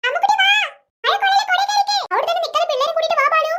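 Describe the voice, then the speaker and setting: A woman's voice: very high-pitched, very fast, very noisy. A woman voicing a bossy cartoon mother who scolds and hurries her children. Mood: scolding. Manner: scolding, hurrying.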